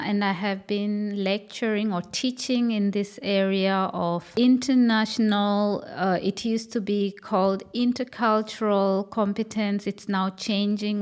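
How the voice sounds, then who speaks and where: A woman from Kenya who lectures on culture, speaking in a relaxed interview. She talks in a considered way, pausing with fillers and restarting her sentences. Her voice sits at an ordinary middle pitch. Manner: thoughtful, with frequent fillers and restarts. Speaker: guest, cultural studies lecturer. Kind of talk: conversational interview.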